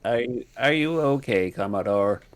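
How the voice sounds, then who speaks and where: A man's voice: lowish voice, expressive, measured pace, clear, resonant tone. A man voicing a young, polite autognome in a tabletop game, careful, literal and formal in speech. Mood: concerned. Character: young, earnest, polite robot autognome eager to learn.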